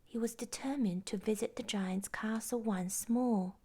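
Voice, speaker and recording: Hushed, husky woman storyteller. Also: a little high, fairly even intonation, measured pace. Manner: hushed, half-whispered reading. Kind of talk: bedtime story narration.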